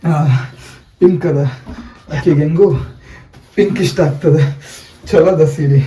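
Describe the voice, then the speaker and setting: A man's voice: on the high side, measured pace, mellow, lightly acted. An actor with a North Karnataka accent playing a young man who is raising his little sister alone, speaking in pleading, choked-up laments. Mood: coaxing. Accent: North Karnataka Kannada. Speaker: actor in a short film. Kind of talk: dramatic short film acting. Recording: echoey room, off-mic, music behind.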